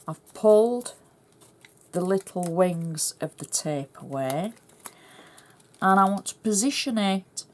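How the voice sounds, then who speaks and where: A middle-aged woman with a Yorkshire accent and a lowish voice hosts a cardmaking tutorial, chatting away and explaining each step as she goes.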